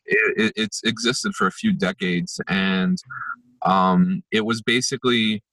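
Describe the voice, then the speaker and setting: Unhurried and fairly low in pitch, a young man speaks in a pushed, bright way on a rough recording without echo. He is a podcast guest who runs empathy workshops, born in Israel and raised in New Jersey and New York, talking reflectively in a conversational interview with many fillers and restarts.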